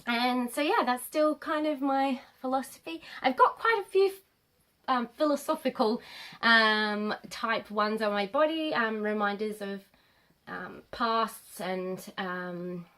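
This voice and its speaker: A woman in her late twenties, nasal from a cold, chatting to camera as a vlogger, rambling with many pauses and ums. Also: fairly high pitch, fairly bright tone. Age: late 20s. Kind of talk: casual chat to camera.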